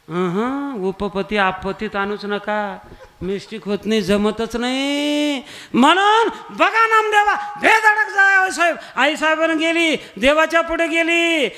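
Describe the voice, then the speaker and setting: A man's voice: very high voice, sharp tone. A man preaching a humorous devotional sermon, telling stories animatedly and breaking into sung verses. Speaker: kirtan preacher.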